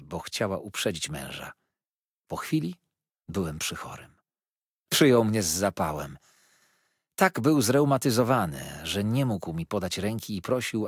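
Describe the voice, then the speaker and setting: A man narrating a classic novel in the first person with dramatic swells and pauses. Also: on the low side, slightly rough, dry recording, clean studio sound. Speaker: audiobook narrator. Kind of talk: expressive literary audiobook narration.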